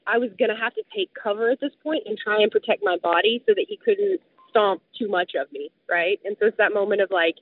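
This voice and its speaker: A woman's voice: mid-range voice, sing-song, brisk, vocal fry, dry recording. A woman vividly retelling a close call, peppering her talk with fillers of "like". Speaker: guest telling a survival story. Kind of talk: casual spoken storytelling. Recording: dry, tinny phone-like sound.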